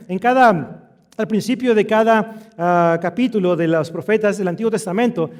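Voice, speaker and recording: A man's voice: high voice, normal speed. A man preaching an earnest sermon in a church, often using fillers and asking rhetorical tag questions. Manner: earnest, with fillers like "este" and "¿verdad?".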